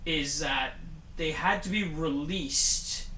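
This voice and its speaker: A man's voice: on the high side, slow pace, bright, forceful tone, roomy sound, a little hiss or hum, rough recording. A man hosting a homemade awards show, talking in playful, mock-grand banter with some hesitant restarts. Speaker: host. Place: home studio room.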